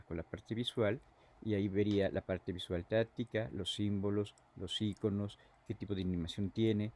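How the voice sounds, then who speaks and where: A man giving a lecture as a teacher, halting and repeating words, often filling pauses with "este". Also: lowish voice, darkish tone.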